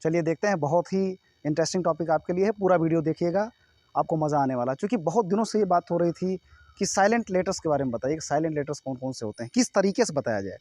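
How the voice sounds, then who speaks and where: A man with an Indian accent teaching a pronunciation lesson in a video, saying words slowly again and again and often checking in with his students. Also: on the high side, animated, darkish tone, no echo. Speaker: English teacher.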